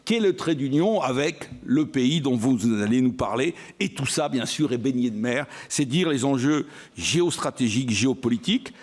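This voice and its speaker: A man's voice: mid-range voice, lively intonation, moderate pace, darkish tone. A man welcoming a lecture audience, chatty, with rising emphasis. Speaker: conference moderator. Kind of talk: formal welcome speech.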